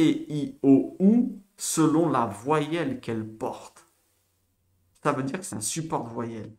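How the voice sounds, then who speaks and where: A man giving an informal online Hebrew lesson, chatty and lively, with playful sound effects and frequent checks on his listeners. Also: medium pitch. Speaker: Hebrew teacher.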